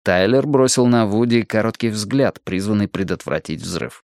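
A man narrating an audiobook in a steady, measured storytelling manner. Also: lowish voice, creaky, no room sound, clean studio sound. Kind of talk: scripted narration.

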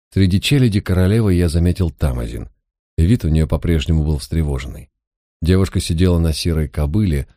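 A man narrating an audiobook in a steady, even storytelling manner. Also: sits low, no echo, clean studio sound.

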